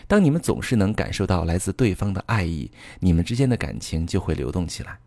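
A man with a low voice hosts a relationship advice talk, explaining and instructing in an earnest way. His pitch moves a lot as he speaks straight to his listeners. The recording is close and dry. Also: sing-song, fast talker, darkish tone, dry recording. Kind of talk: advice monologue.

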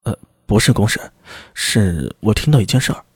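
A man reading an audiobook, voicing a sharp-witted young male constable captain who talks casually and wryly. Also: on the low side, animated, normal speed, husky, no echo, clean studio sound, voice pushed down.

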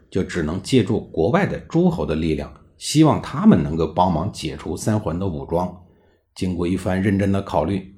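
A man tells history in a low, dark voice with a chatty, colloquial flow. His pitch moves a lot, rising and falling from phrase to phrase. Warm, drawn-out particles keep the telling relaxed. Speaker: history podcast narrator. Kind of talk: storytelling narration.

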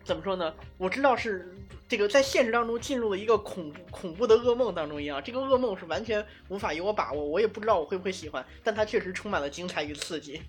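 Fast-talking woman podcast co-host. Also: mid-range voice, animated, soft background music. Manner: quick, fluent, analytical talk with frequent restarts. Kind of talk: casual podcast chat.

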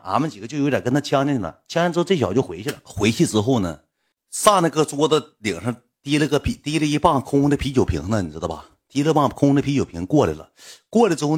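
Husky, lively young man with Northeastern Chinese accent. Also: medium pitch. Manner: animated, acts out voices of people in the story. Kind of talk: casual spoken storytelling.

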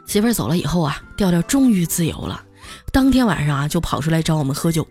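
Woman host spinning funny stories, really animated voice, soft music under it. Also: low voice, quick pace. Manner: chatty, punchline-driven delivery. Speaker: comedy storyteller host. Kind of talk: scripted comedic storytelling.

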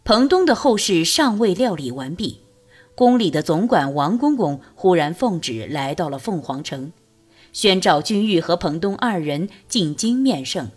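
A woman narrating a novel as an audiobook, reading in a lively, expressive storytelling way. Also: lowish voice, unhurried, breathy edge.

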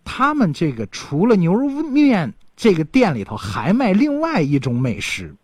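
A man's voice: high voice, normal speed, husky, no room sound, clean studio sound. A man hosting a casual radio interview, telling things in a chatty way with playful exclamations. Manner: animated storytelling with playful local exclamations. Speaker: radio host interviewing guests.

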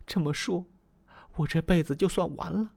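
A male storyteller voicing a young, beautiful woman who pleads tearfully in a raised, soft, weepy voice. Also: fairly high pitch, normal speed, gravelly, slightly rough, no room sound, pitched above the performer's own voice. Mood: reproachful.

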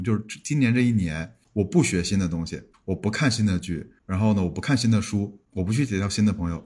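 A man's voice: on the low side, a little mellow, breathy edge. A man around forty, a podcast guest, talking casually and reflectively with frequent restarts. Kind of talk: casual conversation.

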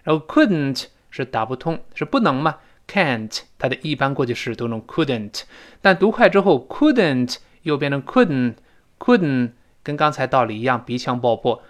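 Lively man teaching sounds. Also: medium pitch. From China. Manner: explains step by step, models English phrases slowly and repeats them. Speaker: English pronunciation teacher. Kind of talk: lecture-style language lesson.

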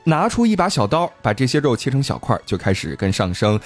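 A man's voice: medium pitch, fast talker, faint music behind. A man hosting a podcast, telling a ghost story in a casual, joking way with his co-hosts. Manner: lively, playful, joking with co-hosts.

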